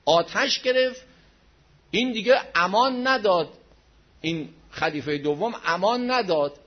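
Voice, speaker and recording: A man preaching a dramatic religious story, rising to loud outcries and dropping to hushed low passages. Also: expressive. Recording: dull lo-fi recording.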